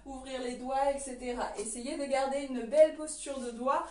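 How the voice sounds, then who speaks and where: A woman's voice: sits high, fairly even intonation, moderate pace, darkish tone. A woman teaching an online belly dance lesson, explaining moves and calling out counts as she dances. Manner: counts and calls steps aloud while dancing. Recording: roomy echo, distant from the mic.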